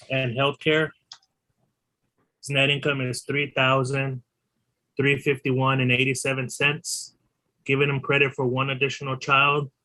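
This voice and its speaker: Flat, bright-voiced man giving formal testimony. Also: medium pitch, rough recording. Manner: reads out figures methodically. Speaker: witness reporting findings. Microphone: video call.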